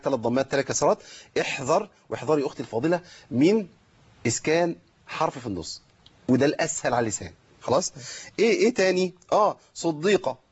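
A man's voice: on the high side, husky, muffled recording. A man with an Egyptian Arabic accent teaching Quran recitation rules, asking questions and answering them himself. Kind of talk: tajweed lesson with recited examples.

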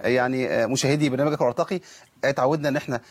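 Egyptian man, husky-voiced and brisk, teaching tajweed, demonstrates each sound carefully. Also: mid-range voice. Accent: Egyptian Arabic. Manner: patient, corrects and models pronunciation step by step. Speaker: Quran recitation teacher. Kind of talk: televised tajweed lesson.

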